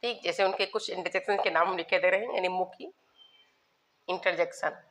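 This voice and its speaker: A woman's voice: lowish voice, fairly quick, fairly bright tone. A woman teaching a grammar lesson, spelling words out letter by letter and repeating key terms as she explains. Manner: addresses students as children, asks and answers own questions.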